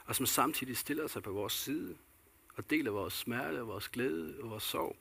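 A man preaches a sermon in a gravelly, husky voice with a bright, forceful edge. He talks earnestly, asking rhetorical questions and repeating phrases for weight. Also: medium pitch, lively intonation. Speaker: pastor.

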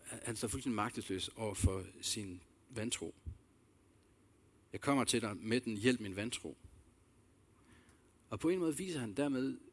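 A man preaching a sermon, earnest and reflective, repeating key phrases and addressing listeners directly with questions. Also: medium pitch. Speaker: pastor.

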